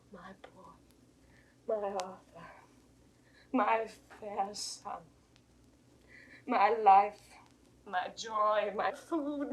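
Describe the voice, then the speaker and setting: In a classical Shakespearean audio drama, an actress with a high voice portrays a grief-stricken widowed mother, declaiming theatrically and veering from hushed tones to wails. There's slight background noise.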